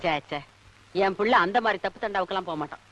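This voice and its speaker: A woman's voice: mid-range voice, quick pace, a bit bright, muffled recording, natural voice. An actress playing a fussy, teasing middle-aged mother who talks in a chatty, wheedling way. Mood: doting.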